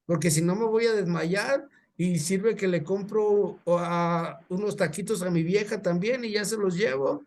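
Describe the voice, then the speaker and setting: A humble, hungry Mexican man speaks plainly and fairly high, as a male preacher puts him on. He pleads simply in his storyteller's own voice. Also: measured pace, darkish tone. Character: poor hungry middle-aged man, humble.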